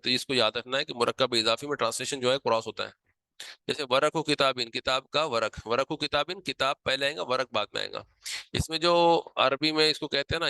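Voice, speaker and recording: A man's voice: mid-range voice, sharp tone, clean tone, dry recording. A man teaching a grammar lesson, explaining patiently step by step and repeating key points.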